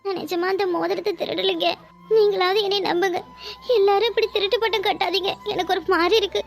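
A woman's voice: very high-pitched, little pitch movement, fast talker, vocal fry. A woman voicing a meek young bride-to-be in a cartoon, crying and pleading to be believed. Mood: tearful pleading.

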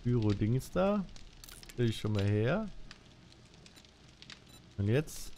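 Slow-talking man gaming. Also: medium pitch, big pitch swings, mellow, a little hiss or hum. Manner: playful, muttering and counting aloud while crafting. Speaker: let's play host. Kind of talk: casual co-op gameplay chat.

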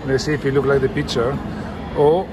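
Brisk and fairly even in intonation, a man in his forties with a mid-range voice narrates a casual vlog into an arm's-length phone camera. Walking through an indoor mall and restaurant, he muses in non-native English while crowd chatter and mall noise fill the background loudly.

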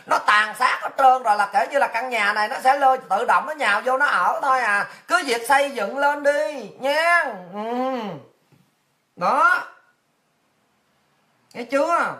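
A woman ranting in a livestream monologue, fiery and crude, swinging between shouting and slow solemn warnings. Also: high-pitched. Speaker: online political commentator.

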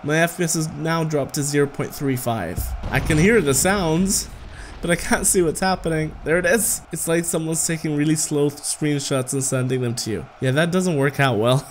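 This thirty-something gaming video host keeps his gameplay commentary light and playful, chatting to the game and laughing frequently. His voice sits on the high side at a moderate pace, with a little hiss or hum in the audio.

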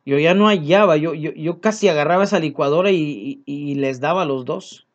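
A man's voice: on the high side, a little fast, dull audio. A man preaching a sermon, earnest and repeating his key phrases as he speaks to his congregation as brothers.

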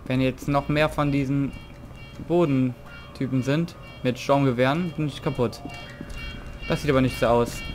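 Male Let's Play host, slightly low voice, slangy and repetitive, casual commentary over clear game music. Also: steady tone, moderate pace, pauses often. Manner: slangy, reacting aloud, repeating short phrases. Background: game music and sound effects.

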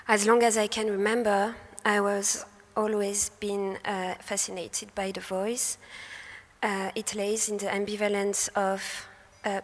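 A young Frenchwoman with a French accent presents her research in a prepared talk at a festival, standing at a lectern with a handheld mic on the stage of a large hall. Her mid-range voice is soft and airy, and she hesitates, uses fillers, and sometimes corrects herself, all under a long hall reverb.

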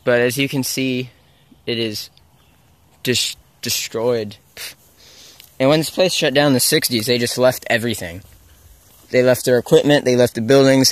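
Walking through a forest with a handheld camera, a young explorer of abandoned sites narrates in a smooth, mid-range voice. He's casual and uncertain, rambling and correcting himself, and the recording has no room sound.

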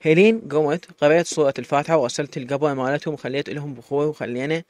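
Brisk Iraqi male storyteller. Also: a little high, a little mellow, no echo, studio quality. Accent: Iraqi Arabic. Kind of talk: scripted first-person story narration.

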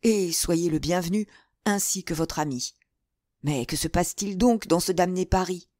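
A woman's voice: on the low side, moderate pace, mellow, dry recording, studio quality, lightly acted. A woman voicing an anxious, scheming old cardinal in an audiobook, fretful and pleading. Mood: uneasy.

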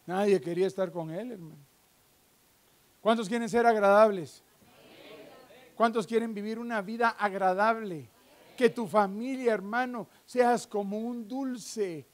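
Very high-voiced preacher man. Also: unhurried, pauses often. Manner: fervent preaching with joking asides, swinging between loud and hushed. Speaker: pastor. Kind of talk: live sermon. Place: church sanctuary. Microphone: handheld microphone.

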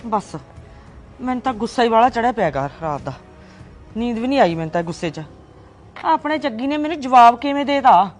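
A woman's voice: a little high, animated, a little fast, long pauses, soft background music, close to an everyday voice. A woman playing a middle-aged aunt who is insistent and indignant, in an amateur drama. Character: scheming aunt set on arranging a match.

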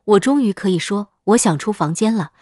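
A woman reading a dark first-person story aloud in a steady, scripted narration. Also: mid-range voice, a little fast, no echo, studio quality.

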